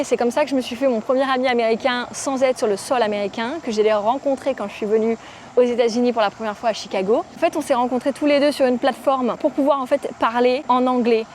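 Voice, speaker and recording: A woman's voice: on the high side, darkish tone, slight background noise. Chatty French woman vlogging outdoors. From France. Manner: chatty, informal, frequent fillers. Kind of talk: casual talk to camera. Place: outdoors in a park. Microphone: phone camera.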